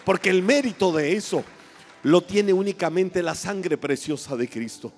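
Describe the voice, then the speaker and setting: Male pastor, high voice, sermon storytelling, reverberant hall, soft music underneath. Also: lively intonation, some chatter behind. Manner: dramatic pauses, asks the congregation questions.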